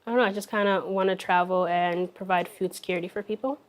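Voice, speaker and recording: A young woman from South Sudan answering interview questions, shy and soft-spoken with frequent fillers. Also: fairly low pitch, fairly even intonation, fast talker. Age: young adult. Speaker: guest. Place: television studio.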